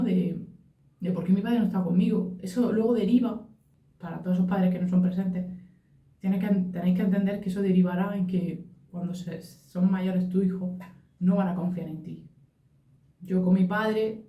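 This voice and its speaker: Earnest woman, dark roomy sound. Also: on the low side, fairly even intonation, moderate pace, recorded from a distance. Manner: earnest, acts out quoted phrases. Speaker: podcast co-host, mother. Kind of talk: casual reflective chat. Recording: roomy echo, off-mic.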